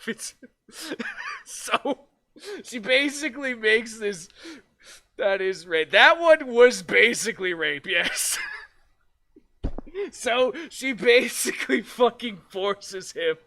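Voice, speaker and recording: A man's voice: very high-pitched, big pitch swings, takes it slowly, long pauses, bright, forceful tone. A man streaming as a virtual streamer in casual chat, laughing often, swearing freely and rambling with restarts.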